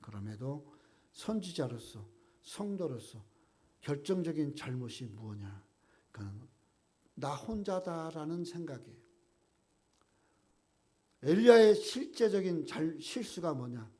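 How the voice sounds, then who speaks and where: A man preaching a sermon as pastor, emphatic, raising his voice when he quotes God's questions and dropping low and quiet at the ends of phrases. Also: sing-song, a little slow, pauses often.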